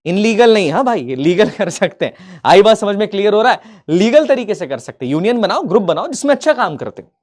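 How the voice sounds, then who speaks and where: High-pitched guy teaching an online class, keeps asking "clear?" and repeats points a lot. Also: fast. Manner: animated, repetitive, checks understanding often. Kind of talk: live online class lecture.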